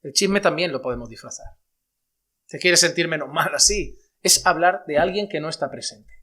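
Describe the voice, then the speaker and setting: A man preaching a sermon as pastor, emphatic, moving between loud exhortation and quiet asides. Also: a little high, normal speed.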